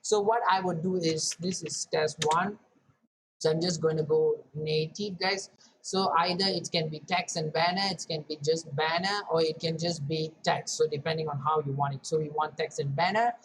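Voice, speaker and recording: Fast-talking woman teaching online ads. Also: low voice, fairly even intonation, slight background noise, low-quality recording. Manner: fast-talking, repeats words, often says "guys". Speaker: online marketing instructor. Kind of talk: casual screen-share tutorial.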